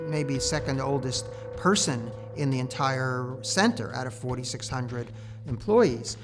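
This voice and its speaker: An older man looks back on his past in a documentary interview. His voice sits a little high, and he tells it in an unhurried, reflective way. Soft music plays faintly underneath. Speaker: interviewee, former science writer.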